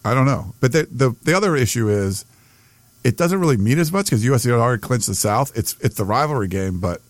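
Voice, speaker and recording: A man's voice: medium pitch, animated, fast, dry recording. American man chatting sports, dry close sound. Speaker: sports podcast co-host. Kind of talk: casual sports chat.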